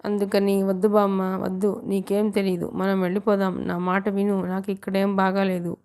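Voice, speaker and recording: Woman reading young woman, proud, insistent, mellow voice, audiobook. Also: medium pitch, completely flat delivery, normal speed, clean tone, lightly acted.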